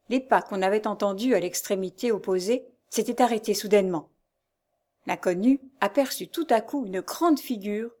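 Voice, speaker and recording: A woman reading a novel aloud in a steady narrating voice. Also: mid-range voice. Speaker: reader.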